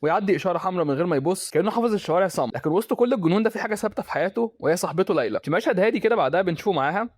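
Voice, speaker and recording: An Egyptian man races through a film plot at breakneck speed, his voice sitting high for a man. The sound is close and dry, with no room around it. He keeps it chatty, tossing in casual asides as he goes. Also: expressive, a little mellow, no room sound. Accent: Egyptian Arabic. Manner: rapid, chatty storytelling with colloquial asides. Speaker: film recap narrator.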